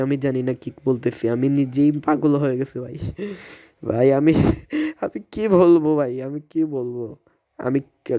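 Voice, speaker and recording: A man with a Bangladeshi Bengali accent, hoarse from coughing, rambling and mocking himself in an unscripted gameplay voice-over. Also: mid-range voice, mellow, highs cut off. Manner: rambling, self-mocking, groans at near misses. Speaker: gaming video creator.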